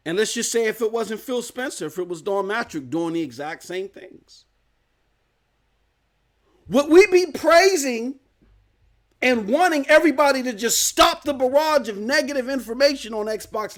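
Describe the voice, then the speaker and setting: A man hosting a live gaming news stream, firing off rhetorical questions and slang in a fervent rant. His voice sits high and swoops up and down with energy.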